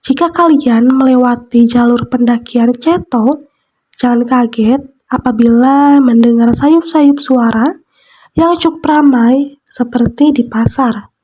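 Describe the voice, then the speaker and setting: Her nose stuffed up from a cold, a woman with a fairly high, nasal voice eats on camera and reads a spooky story, chatting casually. Slow and soft, she keeps saying "nah" between thoughts while eating. She's a mukbang vlogger using a close mic to catch the eating sounds.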